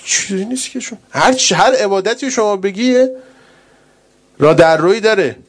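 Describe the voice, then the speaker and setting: A man preaching a sermon with great passion, rising to loud urgent cries and dropping to hushed, tender speech. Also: sits high.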